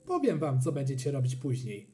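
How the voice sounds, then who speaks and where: A man's voice: mid-range voice, wildly swooping pitch, fairly quick, mellow. A man voicing a stern, sarcastic male school supervisor in a storybook reading, with a mock-sweet manner.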